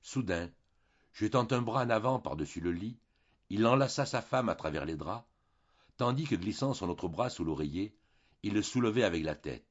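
A man reading a classic novel aloud as an audiobook narrator, in a slow, measured way. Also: on the low side, animated, husky, lo-fi sound. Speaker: audiobook reader.

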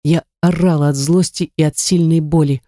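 A woman reading a first-person audiobook, lively and dramatic, rising into shouts at tense moments. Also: sits low, moderate pace, no room sound, studio quality. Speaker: audiobook narrator.

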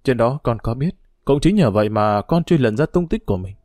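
A man's voice: mid-range voice, expressive, fairly quick, darkish tone, no echo, studio quality, natural voice. A man voicing an earnest, grieving young woman who pleads with her parents in a read-aloud novel.

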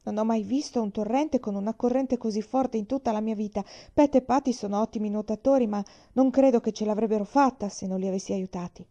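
A steady pioneer father, voiced by a woman reader, speaking with calm cheer to his family in a storybook reading. His mellow tone stays even and reassuring. The recording sounds a little dull. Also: fairly high pitch, fast talker, few pauses, close to an everyday voice.

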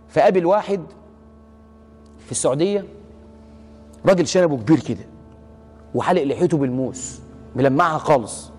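A man's voice: a little high, big-room sound. A man preaching in an Egyptian Arabic accent, telling stories animatedly and acting out the dialogue. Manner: animated storyteller, acts out dialogue, swears oaths for emphasis. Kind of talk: storytelling sermon.

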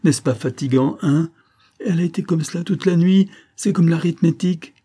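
A man doing a high, exasperated young nurse. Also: animated, normal speed, warm tone, slightly rough, no room sound, studio quality. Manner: exasperated, plaintive. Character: weary young country nurse, complaining.

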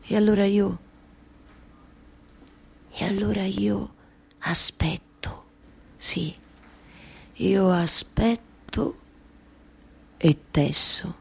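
An actress playing Penelope, a lovelorn, obsessive waiting wife, in a theatrical monologue with a Roman accent, halting and repeating her words like an incantation. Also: medium pitch, creaky, husky, full character voice. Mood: wistful, resolute. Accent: central Italian, Roman. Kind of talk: theatrical dramatic monologue with live music.

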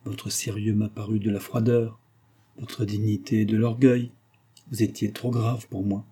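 Remorseful young wife pleading softly, read by a man with a very dark, husky tone. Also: fairly low pitch, flat delivery, measured pace.

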